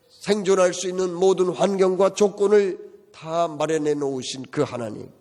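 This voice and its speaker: Male pastor, emphatic sermon full of rhetorical questions, slightly high voice in a reverberant sanctuary. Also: a little mellow. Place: church sanctuary. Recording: long church-hall reverb.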